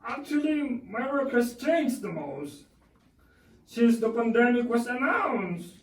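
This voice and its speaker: Here the man behind a cheerful, polite monkey puppet speaks slowly in a mid-range voice with big pitch swings. As an interviewed guest on the scripted show, whose character works in a day program, he reads his replies with earnest care, captured distantly in an echoey room.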